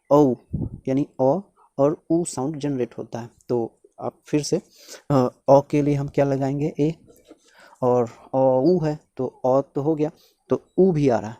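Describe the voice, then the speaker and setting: A man teaching a lesson, slowly spelling out sounds one by one and repeating himself as he explains. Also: mid-range voice, warm tone, no echo.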